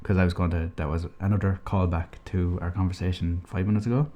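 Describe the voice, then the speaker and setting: A young man with a very low, mellow voice leads a loose, joking podcast chat. He teases his co-hosts and keeps pulling the talk back on track. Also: steady tone, fast talker. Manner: teasing, steers the talk back on topic. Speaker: podcast co-host. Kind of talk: casual gaming podcast banter.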